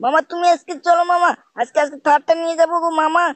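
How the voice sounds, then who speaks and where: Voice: very high voice, level tone, fast, fairly bright tone, no room sound, pitched above the performer's own voice. A gamer voicing a whiny little cartoon boy nephew who pleads with his uncle in every sentence. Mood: eager. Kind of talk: cartoon voice over gameplay.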